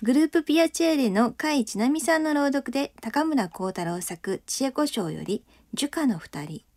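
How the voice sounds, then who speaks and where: A woman's voice: high voice, normal speed, no room sound. A woman radio host with a Kyoto lilt, chatting with her guest and chiming in eagerly. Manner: lively and animated, eager backchannels. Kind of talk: casual radio chat.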